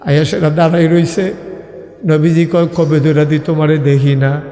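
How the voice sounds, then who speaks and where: A man's voice: a little high, level tone, moderate pace, mellow, soft background music. Male preacher, sermon storytelling, sung and cried lines, echoey long reverb.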